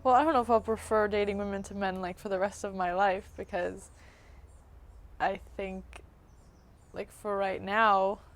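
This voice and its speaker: A woman's voice: mid-range voice, steady tone, moderate pace. A young woman in a casual interview, speaking frankly with many filler words.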